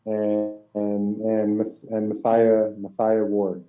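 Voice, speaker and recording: A man co-hosting a casual podcast chat about comics and the news, animated, repeating himself and laughing often. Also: on the low side, slow, soft background music. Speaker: podcast co-host. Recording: distant, roomy, dull lo-fi sound.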